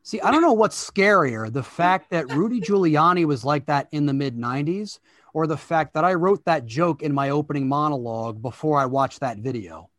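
A man's voice: a little high, lively intonation, normal speed, a bit bright, no echo. A man hosting a podcast, joking wryly in casual chat. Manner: joking, wry. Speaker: podcast host.

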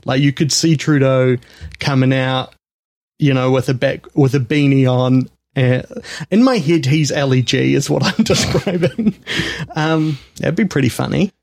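A man's voice: medium pitch, unhurried, gravelly, a little mellow. A man co-hosting a film podcast, chatting casually in a rambling, jokey way with frequent restarts. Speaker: podcast co-host.

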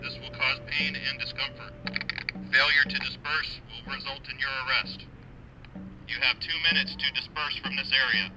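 A male police officer blares a formal order through a loudspeaker. His delivery is official and very even, with little movement in pitch. The amplified voice carries outdoors over clearly audible background sound. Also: moderate pace, over music, rough recording. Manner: official, flat, blaring amplified announcement. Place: outdoors on a roadway.

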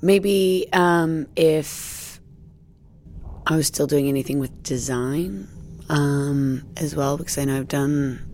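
A woman comedian from the United States talks as an interview guest, her voice sitting remarkably deep with a rough, gravelly edge. She rambles loosely, looping back with fillers and restarts. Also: slow, darkish tone, a little hiss or hum. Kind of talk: casual interview chat.

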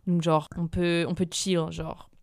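A woman's voice: on the low side, little pitch movement, a little slow, darkish tone, dry recording, studio quality. A young adult woman hosting a casual solo podcast, chatty and slangy with lots of fillers. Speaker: podcast host.

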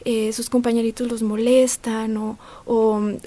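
A woman talking in a gentle, earnest way as a guest in a casual podcast conversation. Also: on the high side, level tone, unhurried.

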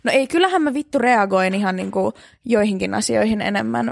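A woman's voice: mid-range voice, vocal fry, no room sound. A woman co-hosting a podcast in casual chat, blunt and dry, swearing offhand. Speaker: podcast co-host.

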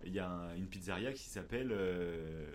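A man co-hosting a casual podcast chat, animated and quick to laugh, recorded in a mountain refuge. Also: sits low, slight background noise. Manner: animated, chatty, laughs easily. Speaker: podcast co-host.

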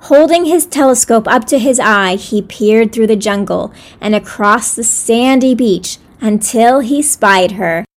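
Gentle woman reading a children's story. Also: on the high side, measured pace, hardly any pauses.

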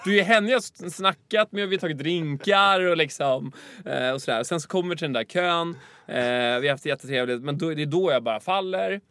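Man, casual storytelling, somewhat high voice, dry close sound, animated. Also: smooth, no room sound. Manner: animated, acts out quoted voices, laughs often. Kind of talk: casual chat, telling an anecdote.

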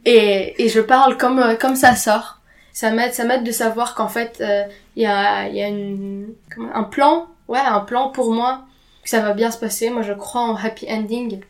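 Speaking at an ordinary speed in a steady, highish voice, a young woman whose first language is Arabic gives a candid, informal account of her life on a podcast. Her talk is casual and full of slang, with a few English words here and there.

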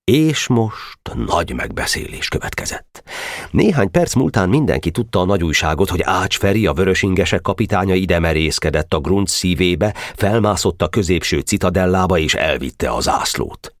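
A man narrating a novel as an audiobook, telling it expressively on a close mic. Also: no echo. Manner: expressive storytelling with wide pitch swings. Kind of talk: novel reading.

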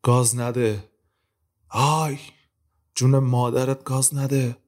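A man voicing a panicked young male ex-convict who begs and shouts, close to tears, in an audio drama. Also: lowish voice, flat delivery, vocal fry. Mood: shouting. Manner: shouting, pleading.

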